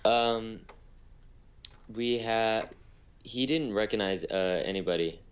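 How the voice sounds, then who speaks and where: A young man co-hosts a casual podcast, telling a story with a somewhat low voice. He rambles, restarts his sentences often and keeps circling back to what he meant to say. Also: slow, a little hiss or hum. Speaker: podcast co-host. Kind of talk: casual chat.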